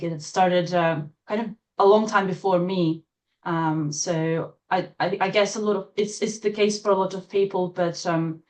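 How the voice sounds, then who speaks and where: A woman from Latvia, a guest in an interview, speaking in a thoughtful, hesitant way with many fillers and soft laughs. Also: lowish voice. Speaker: interview guest, trauma-informed coach. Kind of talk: casual interview chat.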